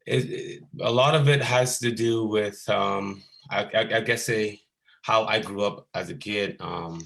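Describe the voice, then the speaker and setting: Over a video call, a man in his thirties from the Bahamas, who works as a basketball skills coach, speaks in a low, creaky, slightly bright voice. His casual talk comes out haltingly, full of ums and restarts.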